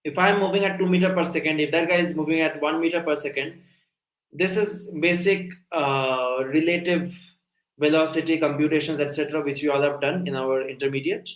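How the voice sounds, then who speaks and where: A man's voice: fairly high pitch, fairly even intonation, fairly quick. Echoey young man teaching coding. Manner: explanatory, asks frequent check-in questions. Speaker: coding instructor. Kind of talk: live online lecture.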